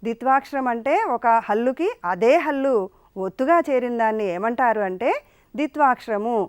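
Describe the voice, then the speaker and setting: A woman's voice: fairly high pitch, moderate pace, clean tone, no room sound, studio quality. A woman teaching a school lesson to children. She asks the pupils questions, coaxing them patiently through each point. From India.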